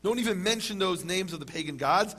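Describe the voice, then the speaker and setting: High-voiced man giving a wry lecture. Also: animated, pushed and bright, husky. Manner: wry, dry humor, emphatic on key words; slows down to stress words. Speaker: lecturer on Hebrew scriptures. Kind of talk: lecture to a live audience.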